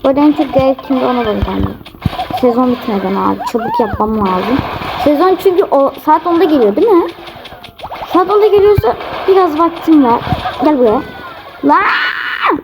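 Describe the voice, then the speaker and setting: A woman's voice: high-pitched, animated, normal speed. A young woman giving casual commentary on her own gameplay, often frustrated and exclaiming at her teammates. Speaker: gamer. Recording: noisy home recording.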